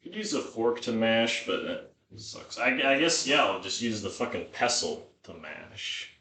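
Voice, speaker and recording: A man's voice: fairly low pitch, lively intonation, a little slow, sharp tone. A man talking casually to himself as he cooks at home, sweary and slangy, in an exasperated mutter. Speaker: home cook vlogger. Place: indoors in a home kitchen. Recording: echoey room, distant microphone.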